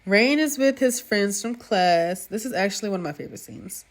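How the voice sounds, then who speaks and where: A woman's voice: medium pitch, expressive, normal speed. A woman giving a casual, gushing recap of a TV drama episode, talking chattily to her viewers.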